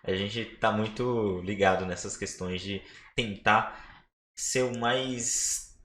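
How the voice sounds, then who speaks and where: A man with a Brazilian Portuguese accent co-hosting a nutrition podcast, talking fast and then slowing down to stress a point. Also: on the low side, fairly even intonation, fairly bright tone, echoey room, a little hiss or hum. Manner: quick talker who slows down to stress points. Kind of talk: casual podcast discussion.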